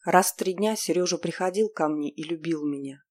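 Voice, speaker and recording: A woman's voice: lowish voice, a little fast, a little mellow. Woman reading an emotional first-person story. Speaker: narrator.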